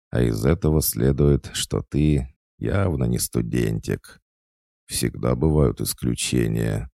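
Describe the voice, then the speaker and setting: A man's voice: rumbling low, vocal fry, mellow, no echo, studio quality, exaggerated voice. A man voicing a cheeky, sarcastic young witch in an audiobook, teasing and mocking. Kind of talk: audiobook character voice.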